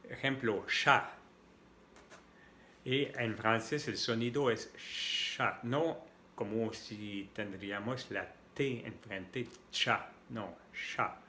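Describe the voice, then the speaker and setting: French-accented male tutor, unhurried, roomy echo. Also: lowish voice, pushed and bright, a little hiss or hum. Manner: spells out letters and repeats sounds patiently. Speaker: French teacher. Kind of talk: slow language lesson.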